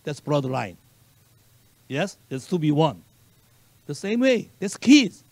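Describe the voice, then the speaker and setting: Male Korean pastor, high voice, lively preaching with bits of English, dry close sound. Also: extremely slow, no echo. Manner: animated preaching, mixing Korean with English phrases, quizzing the congregation. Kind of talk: sermon. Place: church sanctuary.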